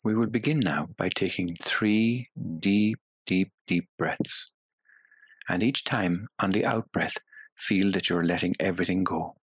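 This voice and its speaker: A man leading a guided meditation in a soothing, hypnotic way, with long pauses between phrases. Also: low-pitched, husky, dry recording, poor audio.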